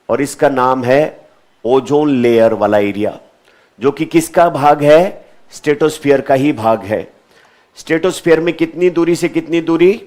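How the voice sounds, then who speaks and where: A man with a somewhat high voice gives a classroom lecture. He keeps asking questions and answering them himself, and he repeats each key term more than once. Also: a little mellow. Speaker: teacher.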